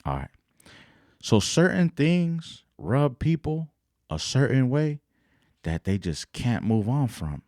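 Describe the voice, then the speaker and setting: A man's voice: medium pitch, big pitch swings, slow pace, darkish tone, dry recording, studio quality. A man hosting a podcast, talking casually in slang and rambling as he acts out what other people said. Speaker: podcast host. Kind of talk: casual commentary.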